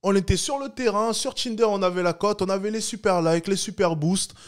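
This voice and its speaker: A man's voice: high voice, fast talker. A French man hosting a reaction video, making mocking, sarcastic comments in casual commentary.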